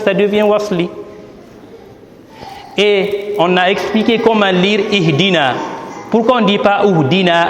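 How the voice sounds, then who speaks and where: A man's voice: high-pitched, a little hiss or hum. Patient man teaching in an echoey hall. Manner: patient, explanatory, asks and answers his own questions. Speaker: imam presenting his book. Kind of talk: teaching talk at a book presentation. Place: large hall at a ceremony. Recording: echoey hall with long reverb.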